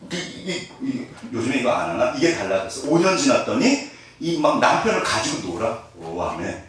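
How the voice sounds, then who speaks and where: A man's voice: medium pitch, a bit bright, slight background noise. A middle-aged man preaching a sermon as pastor, humorous and self-deprecating, often laughing. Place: church sanctuary. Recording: roomy echo, voice from a distance.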